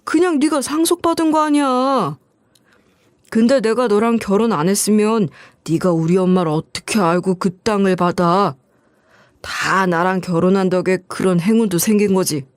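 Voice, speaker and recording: A woman's voice: medium pitch, normal speed, no echo, studio quality, pitched below the performer's own voice, close to an everyday voice. Woman voicing a whiny greedy ex-husband. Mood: pleading. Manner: wheedling then sneering, coarse. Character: greedy, whiny, scornful ex-husband, middle-aged man.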